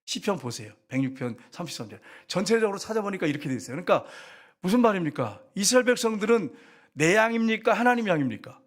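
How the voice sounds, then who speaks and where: A man's voice: sits high, quick pace. A middle-aged man preaching a sermon as pastor in a church, talking straight to the congregation and acting out quoted lines. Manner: animated, acts out quoted lines, addresses congregation directly. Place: church sanctuary.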